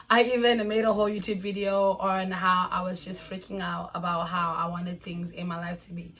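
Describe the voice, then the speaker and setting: A woman's voice: fairly low pitch, a bit bright, low-quality recording. A woman, giving casual, earnest life advice in a vlog and repeating her points for emphasis. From Namibia. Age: 20s. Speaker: vlogger.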